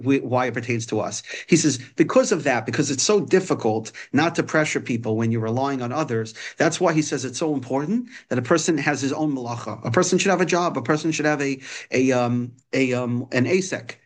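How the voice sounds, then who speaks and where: A man's voice: mid-range voice, fairly quick. A man gives an informal religious lesson, reading a text and explaining it, often hesitating and repeating phrases. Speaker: religious teacher.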